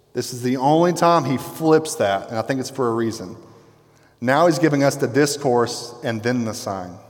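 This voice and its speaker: Man preaching a sermon in a reverberant hall. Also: mid-range voice. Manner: conversational, emphatic, drops to quiet intensity. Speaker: pastor.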